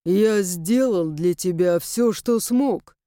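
Brief: woman doing stern young man, storybook, lower and measured, mellow smooth tone. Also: no echo, studio quality, lightly acted. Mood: lecturing. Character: stern young man Inamir, proud and protective. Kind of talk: audiobook character voice.

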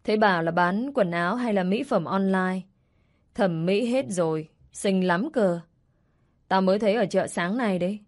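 A woman's voice: mid-range voice, normal speed, close to an everyday voice. A woman doing a nagging country mother. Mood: scolding. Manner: scolding, grumbling.

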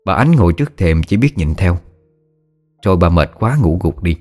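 A man calmly narrating a scripted ghost story. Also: low voice, normal speed, soft background music.

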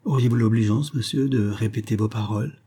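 A man's voice: fairly low pitch, a little fast, warm tone, slightly rough. A man reading aloud voices a proud young society wife, cutting in tone and raising his voice for her. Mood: mocking.

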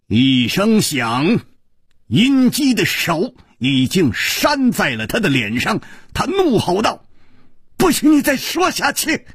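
A man reading a martial-arts novel aloud, theatrical, swinging between loud and hushed, on a close studio mic. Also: a little high, breathy edge, no room sound. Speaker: storyteller.

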